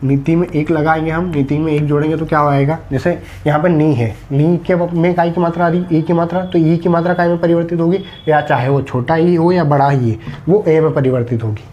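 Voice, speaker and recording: Guy teaching a grammar class, slightly high voice, asks and answers his own questions, dull lo-fi audio with faint hiss. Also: steady tone, a little fast, few pauses, darkish tone. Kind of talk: exam-prep Hindi grammar lesson.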